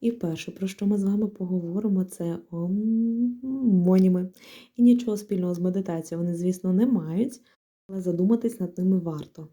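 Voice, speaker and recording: A young woman explaining grammar in a clear, lightly joking lesson. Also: on the low side, fairly quick, mellow. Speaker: Ukrainian language tutor. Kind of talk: exam-prep lesson.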